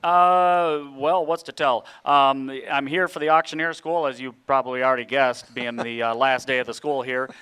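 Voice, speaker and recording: A man's voice: mid-range voice, steady tone, normal speed, few pauses, a bit bright, clean tone. A middle-aged man from Michigan giving casual answers about himself on stage at a live event. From Michigan, United States. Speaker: student auctioneer, Navy veteran. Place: live auction event before an audience.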